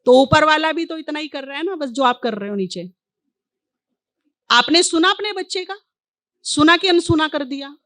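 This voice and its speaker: A woman's voice: sits high, expressive, moderate pace, pauses often, fairly bright tone, dry recording. A woman spiritual teacher speaking to a live audience. She poses rhetorical questions, answers them herself, and repeats key words for emphasis.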